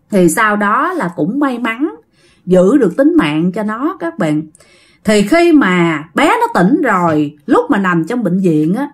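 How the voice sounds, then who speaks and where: A woman with a Southern Vietnamese accent telling a ghost story in a chatty way, talking straight to her listeners. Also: fairly high pitch. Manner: chatty, addresses listeners directly. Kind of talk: casual ghost story narration.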